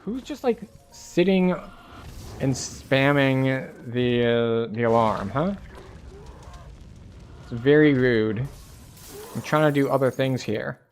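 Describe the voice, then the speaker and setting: A man's voice: mid-range voice, fairly even intonation, takes it slowly, long pauses, a little hiss or hum. A man giving casual gameplay commentary, often muttering to himself. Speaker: gamer playing and commenting.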